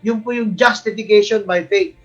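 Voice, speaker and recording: A male Filipino preacher giving a sermon, mixing Filipino and English, reading verses slowly and often turning to the congregation with a questioning "ha?". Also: high voice, steady tone, muffled recording, soft background music. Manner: mixes Filipino and English, repeats "ha?" and "mga kapatid" to the congregation; reads verses slowly and stresses words.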